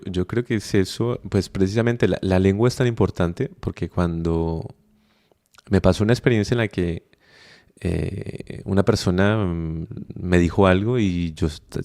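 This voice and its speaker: Speaking as a podcast guest, a young Colombian migrant talks through his thoughts slowly and reflectively, full of fillers and restarts, in a conversational interview. His Colombian Spanish accent comes through a low, gravelly voice with a dark, mellow color.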